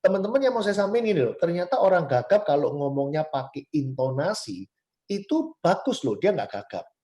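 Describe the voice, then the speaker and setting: A man in his forties from Surabaya shares his life story with viewers. His voice is mellow and warm, and he talks quickly and chattily. He stresses key words with sharp rises and keeps speaking to his listeners directly. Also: fairly high pitch, sing-song. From Surabaya, Indonesia. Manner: self-described fast, chatty talker. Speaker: motivational speaker. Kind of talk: personal story talk to viewers.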